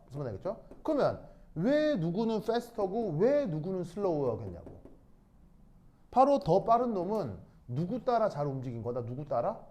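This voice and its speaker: A man's voice: sits high, a little mellow. A man teaching a chemistry lesson in a classroom, talking casually and often asking his students whether they understand. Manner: checks understanding with repeated questions; casual, mixes in English words. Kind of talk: classroom lecture.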